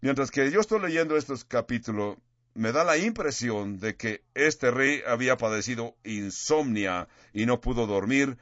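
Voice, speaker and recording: Guy preaching a sermon, emphatic, drags words out slow, dry muffled recording. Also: mid-range voice, lively intonation, a bit bright, dry recording. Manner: emphatic, stretches key words slowly. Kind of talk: sermon with dramatic scripture reading. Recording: dull lo-fi sound.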